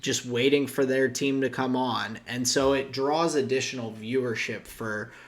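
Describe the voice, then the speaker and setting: This is casual chat from a young man co-hosting a podcast, his medium-pitched voice fairly even in intonation and moderate in pace. His delivery rambles, often restarting, with guesstimates thrown in.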